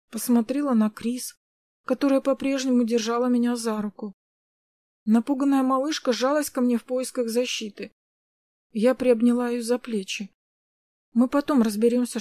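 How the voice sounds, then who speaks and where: Woman audiobook narrator, slightly high, dry close recording. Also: a little mellow, no room sound. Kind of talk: first-person audiobook narration.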